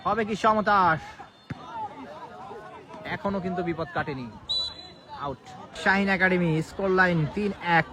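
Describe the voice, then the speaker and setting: Male football commentator, high-pitched and frantic, live outdoors over a noisy crowd. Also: a little slow, pauses often. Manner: frantic, repeats phrases, bursts into shouts on shots and goals. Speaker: football commentator at a village match. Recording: crowd noise, outdoor village field.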